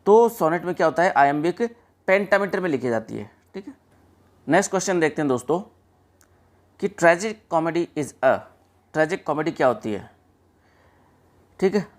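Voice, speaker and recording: A man's voice: a little high, expressive, fairly quick, pauses often. A man teaching an exam-prep lesson, explaining step by step, checking in often and mixing English terms into his explanation. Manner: explains step by step, often saying "ठीक है" and addressing friends.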